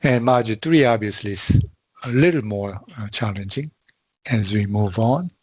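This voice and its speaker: A man teaching a class over a video call, walking through spreadsheet formulas in a slow, halting way with frequent fillers. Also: on the low side, darkish tone. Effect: heard over a video call. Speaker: instructor. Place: video call from a quiet room. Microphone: computer mic on a video call.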